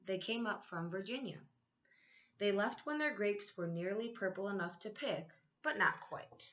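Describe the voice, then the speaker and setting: A teacher, a woman, gives an expressive, measured reading of a children's picture book and stretches out the key lines. Her pitch is medium, and the audio sounds dull.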